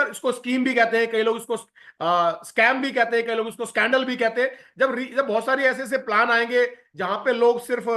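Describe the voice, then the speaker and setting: A man with a very high, bright voice leads a business seminar. He explains each term in turn, pausing on fillers and slipping English phrases into his talk. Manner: explanatory, lists terms, frequent filler pauses, mixes English phrases.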